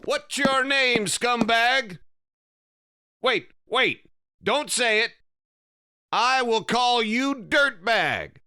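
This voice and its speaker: A man playing a loud, insulting military drill sergeant in a video game, barking drawn-out words. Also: very high voice, lively intonation, smooth, dry recording, full character voice. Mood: barking, contemptuous.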